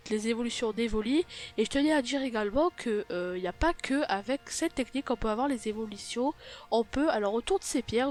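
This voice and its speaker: With a fairly high, darkish voice made nasal by a blocked nose, a woman who is sick presents a casual game tutorial on YouTube. She hesitates, apologizes, and keeps correcting herself.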